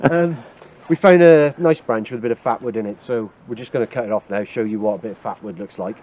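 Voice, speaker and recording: A man's voice: mid-range voice, fast talker, a little mellow, lo-fi sound. Welsh Valleys man filming outdoors, noisy audio. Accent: South Wales Valleys. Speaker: camper filming an outdoor vlog. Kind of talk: casual chat to camera. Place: outdoors at a woodland campsite. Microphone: handheld camera.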